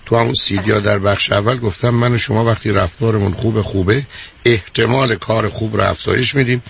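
Blunt deep gravelly-voiced man lecturing. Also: steady tone, a little hiss or hum. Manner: blunt, lecturing, repeats himself. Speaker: radio advice host. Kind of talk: call-in counseling.

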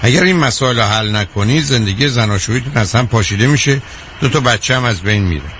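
A man hosting a call-in advice show on the radio, talking to callers frankly, calmly and directly. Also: mid-range voice, a little hiss or hum.

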